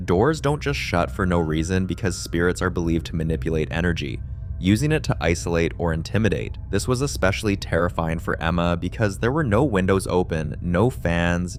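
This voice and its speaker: A man doing scripted narration for a scary video series, in a measured, documentary-style delivery. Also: low-pitched, a little hiss or hum.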